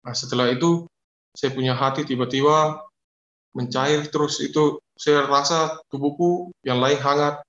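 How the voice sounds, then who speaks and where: A man tells his personal testimony in an earnest, confessional way, circling back over the same words. His voice sits a little high for a man. The audio is roomy and dull, with a lo-fi sound. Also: steady tone, unhurried, fairly bright tone, slight background noise. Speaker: testimony speaker.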